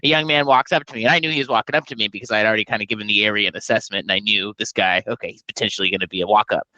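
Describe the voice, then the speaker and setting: A man from Texas co-hosting a podcast, telling animated, profane, jokey stories in casual chat. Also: lowish voice, racing, no echo, poor audio. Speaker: podcast co-host.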